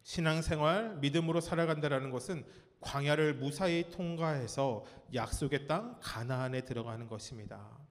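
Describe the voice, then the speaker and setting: A man preaching a sermon as pastor, telling a story with lively acted-out cries and asking his congregation questions. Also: fairly high pitch, normal speed, few pauses, long reverb tail. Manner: animated storytelling, acts out cries and quotes. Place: church sanctuary.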